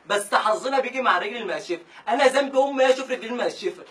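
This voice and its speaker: A young man with an Egyptian accent fires off an exasperated comic rant full of rhyming insults. His voice is high and bright, and he races through the lines. The mic sits some way off. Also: animated, very fast, recorded from a distance. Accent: Egyptian Arabic. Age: young adult. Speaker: comedian.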